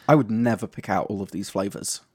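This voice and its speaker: A man's voice: lowish voice, a little fast, breathy edge. A man in a casual chat, tasting and asking curious questions with a dry, joking manner. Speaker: co-host tasting the drink.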